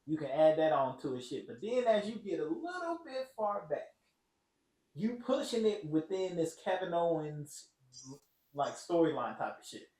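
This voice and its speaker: A man's voice: fairly high pitch, very animated, normal speed, a little mellow. A man hosting a casual podcast chat, blunt and profane, talking in asides. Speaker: podcast host. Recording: echoey room with faint noise.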